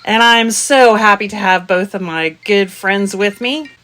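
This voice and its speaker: A woman's voice: mid-range voice, measured pace, a bit bright. A woman hosting a crafting show in a casual chat with friends. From US West Coast.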